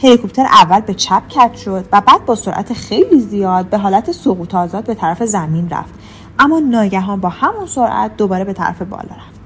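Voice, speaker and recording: A woman narrating an audiobook in an even, measured storytelling manner. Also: medium pitch, a little hiss or hum. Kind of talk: scripted narration. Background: faint music.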